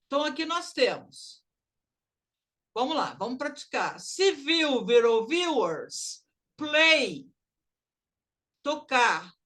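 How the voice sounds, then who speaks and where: Woman teacher on a video call, kinda high voice, takes her time explaining english words. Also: big pitch swings, a bit bright. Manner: explains slowly, mixes in English phrases. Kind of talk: online class, teaching English in Portuguese.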